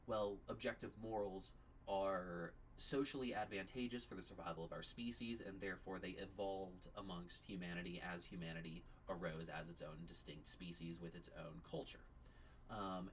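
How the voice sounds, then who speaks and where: Deep-voiced man teaching a church class. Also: a little hiss or hum. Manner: explanatory, measured, occasional restarts. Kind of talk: apologetics class lecture.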